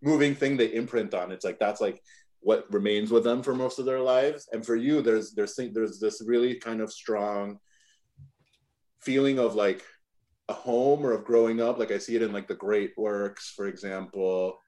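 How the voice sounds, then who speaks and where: A man's voice: lowish voice, moderate pace, warm tone. A man hosting a podcast interview, talking loosely with many "like" fillers. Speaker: podcast host. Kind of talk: conversational interview.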